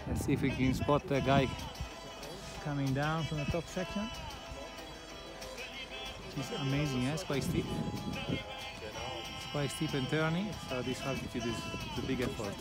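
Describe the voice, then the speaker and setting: A man skiing outdoors on a high glacier, giving a quick upbeat snow report in short, clipped phrases while filming on an action camera, a little out of breath. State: slightly out of breath from effort. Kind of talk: casual on-the-go commentary. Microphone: handheld or helmet action camera. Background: loud guitar music.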